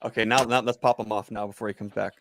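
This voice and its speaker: A man's voice: lowish voice, fairly even intonation, fast, vocal fry, a little hiss or hum. A man hosting a casual livestream video call, joking in a folksy way. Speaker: livestream host.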